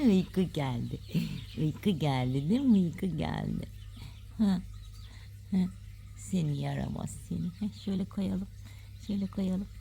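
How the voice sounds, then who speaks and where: A woman's voice: lowish voice, vocal fry, darkish tone, a little hiss or hum. A woman vlogging with her family, chatty and teasing, who coos at her pet dog. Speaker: vlogger mother living abroad. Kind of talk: casual family vlog chat.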